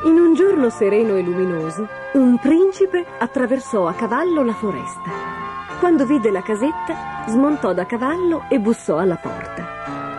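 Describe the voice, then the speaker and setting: A woman narrating a children's fairy tale in an expressive, lively storytelling manner. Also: on the high side. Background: background music.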